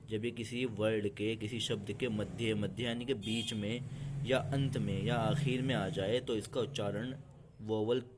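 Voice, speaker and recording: A man's voice: lowish voice, background noise. A man teaching an English grammar lesson, patiently repeating each point two ways.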